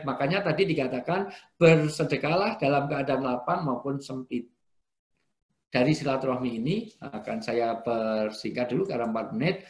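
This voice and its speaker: A man preaching a sermon in an animated way, moving between loud and soft delivery. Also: a little high. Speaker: Islamic preacher. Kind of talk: sermon for an online gathering. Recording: roomy echo.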